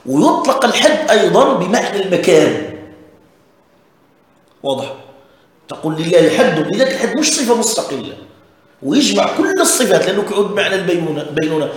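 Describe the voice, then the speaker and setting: Fast-talking man teaching in an echoey room. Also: sits high. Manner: explains step by step, often checking understanding. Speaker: religious teacher. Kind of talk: explanatory lesson commentary on a text.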